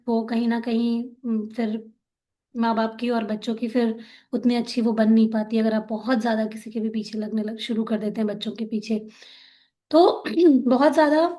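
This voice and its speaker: A woman's voice: a little high, mellow. A woman counselor giving an earnest, conversational talk on parenting, often checking for agreement. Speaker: wellness counselor.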